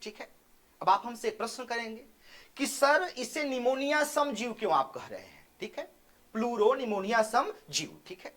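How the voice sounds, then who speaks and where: A male teacher giving an exam-prep biology lecture. He asks questions and answers them himself, repeats key terms slowly, and keeps checking in with "theek hai". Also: extremely high pitch, big pitch swings, a bit bright. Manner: drills by asking and answering his own questions.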